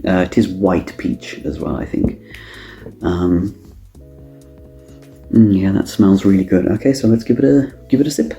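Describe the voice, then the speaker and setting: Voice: sits low, measured pace, vocal fry, pauses often, mellow, faint music behind. A casual tasting review, the speaker thinking aloud with many ums and restarts while trying a drink. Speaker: drinks taster reviewing canned cocktails.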